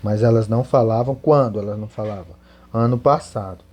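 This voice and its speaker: A man's voice: lowish voice, fairly quick, a little mellow, faint music behind. A man teaching English in Portuguese, spelling out English answers word by word and then translating them. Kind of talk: slow classroom explanation.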